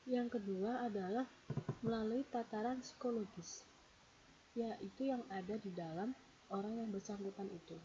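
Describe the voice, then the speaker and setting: A woman's voice: mid-range voice, normal speed, long pauses, warm tone. A woman giving a read-out lecture presentation, explaining steadily and counting off her points one by one. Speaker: presenter explaining a psychology theory. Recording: dull lo-fi recording with faint hiss.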